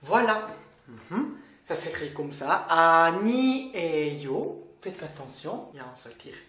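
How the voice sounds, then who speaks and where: A man's voice: on the high side, lively intonation, normal speed, pushed and bright. Korean-accented man teaching, roomy sound. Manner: chatty, playful, with little laughs. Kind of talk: casual language lesson. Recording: roomy with faint noise.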